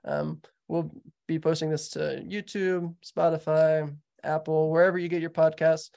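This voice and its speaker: An American man with a creaky, gravelly voice hosts in a casual way. His conversational delivery suits a relaxed podcast interview. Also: on the high side, moderate pace. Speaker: podcast host.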